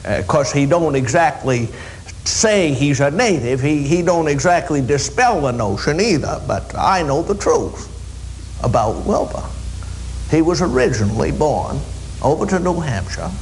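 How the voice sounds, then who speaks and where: A man with a Maine accent telling comic stories to a live audience in a folksy, drawling, deadpan way. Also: fairly high pitch, measured pace, slight background noise, rough recording. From Maine, USA. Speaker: humorist, storyteller. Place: room in front of an audience.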